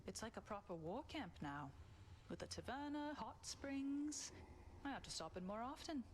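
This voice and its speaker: A woman's voice: fairly high pitch, lively intonation, moderate pace, a little hiss or hum, close to an everyday voice. A woman voicing a friendly huntress goddess in a video game, talking casually like a caring older sister. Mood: approving. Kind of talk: video game character acting.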